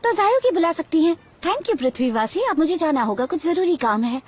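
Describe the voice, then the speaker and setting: A woman's voice: very high-pitched, sing-song, brisk, darkish tone. A woman dubbing a naive, literal alien girl. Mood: earnest. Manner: formal, oddly literal phrasing. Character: naive young female alien, literal and cheerful. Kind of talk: Hindi dub of a series.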